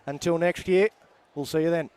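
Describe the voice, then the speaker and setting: Australian man, higher-pitched sports caller. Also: steady tone, normal speed, background noise. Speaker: play-by-play commentator. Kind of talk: sports commentary wrap-up. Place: outdoor sports ground.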